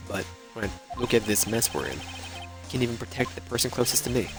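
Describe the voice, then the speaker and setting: A man's voice: mid-range voice, expressive, a little fast, pitched above the performer's own voice, close to an everyday voice. A man reading an earnest young defense lawyer. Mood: earnest troubled. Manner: earnest, hesitant. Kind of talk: reading game dialogue aloud. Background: game music.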